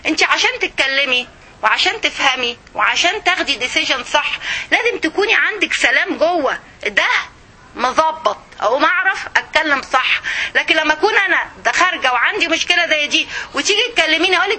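A middle-aged woman with an Egyptian accent giving an informal religious lesson, lively and conversational, speaking straight to her listeners. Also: high voice, quick pace, a little hiss or hum. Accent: Egyptian Arabic. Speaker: religious teacher.

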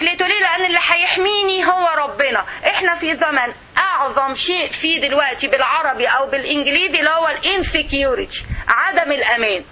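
A woman with an Egyptian Arabic accent giving an earnest religious talk, slowing down to recite verses. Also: sits high, pushed and bright. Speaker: religious speaker.

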